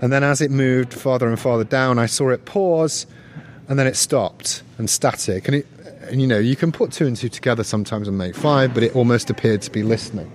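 Brisk and mid-range in voice, a male researcher chats casually as a guest on an interview show. His stories run long, with frequent restarts and laughs that come easily.

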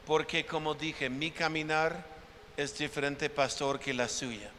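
High-voiced preacher in a reverberant hall. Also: male voice, fairly even intonation, measured pace, pushed and bright. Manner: preaching with emphatic repetition and acted-out dialogue. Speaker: pastor. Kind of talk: sermon. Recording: long church hall reverb.

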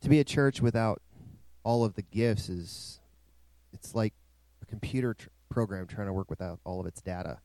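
A man's voice: lowish voice, moderate pace, dark tone, no echo. A male pastor preaching a sermon in a dry, close recording, with emphatic rising swells.

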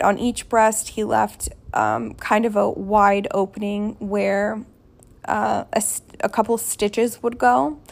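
A woman's voice: medium pitch, vocal fry, darkish tone. A woman podcast host casually telling a candid personal story, chatty and rambling, restarting her sentences as she goes.

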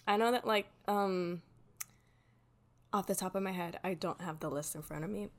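A young woman co-hosts a relaxed film podcast, thinking out loud and hedging with a few ums. Her voice sits on the lower side for a woman. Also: normal speed. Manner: thoughtful, hedging, with fillers. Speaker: podcast co-host. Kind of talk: casual film chat.

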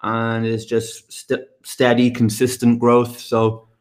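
A middle-aged man from the UK speaks with quick, energetic enthusiasm at a middle pitch. He answers the questions of a podcast interview briskly and sounds fired up about his work. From United Kingdom. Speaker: guest, fitness business mentor.

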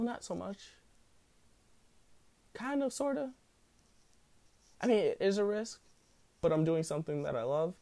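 A man with a smooth voice hosting a solo podcast in casual, rambling talk full of slang and swearing. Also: fairly high pitch, warm tone, dry recording. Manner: profane, slangy. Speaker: podcast host.

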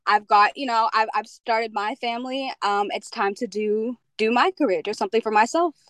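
Relaxed young woman, dry close sound. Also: on the high side, moderate pace, no echo. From Jamaica, grew up in Pennsylvania. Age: 20s. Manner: relaxed, many "um" fillers, easygoing. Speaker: model, interview guest. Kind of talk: casual interview answers.

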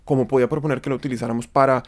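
He talks very fast, his medium-pitched voice keeping a fairly even intonation. The Colombian-accented man is an interview guest telling casual stories, heavy on slang and swearing, and he acts out the dialogue he quotes.

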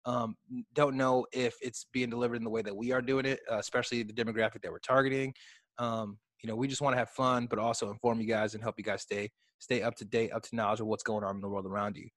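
A man's voice: mid-range voice, flat delivery, quick pace, a bit bright, dry recording. Young male co-host, Chicago accent, easygoing and profane, dry close recording. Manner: loose, swears casually, many fillers. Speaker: podcast co-host. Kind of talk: casual chat.

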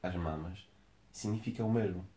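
A young man with a European Portuguese accent, explaining himself in casual debate with halting repetitions. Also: low-pitched, warm tone. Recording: echoey room.

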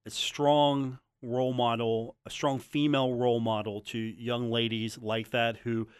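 Brief: male sports radio host, dry studio sound, mid-pitched, jokey and stumbling over his words. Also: little pitch movement, unhurried, clean tone, dry recording. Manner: joking, stammering restarts. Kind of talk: casual radio banter.

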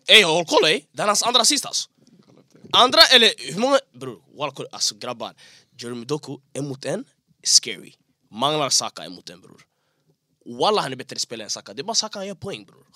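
A young man co-hosting a podcast, arguing loudly and excitably in slangy casual talk, repeating himself. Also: high voice, no echo, clean studio sound. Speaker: podcast co-host. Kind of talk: heated casual debate.

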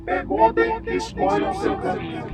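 A man voicing a pair of stern, ancient female sphinxes, heard as a man and a woman speaking together in unison, solemn and measured over loud music. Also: very high voice, little pitch movement, voice pushed up. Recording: loud music bed behind voice.

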